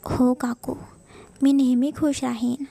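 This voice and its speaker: Woman reading a soft sweet young bride, high and gravelly. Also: level tone, takes it slowly, exaggerated voice. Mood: tender. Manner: soft, obedient. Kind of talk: storybook narration.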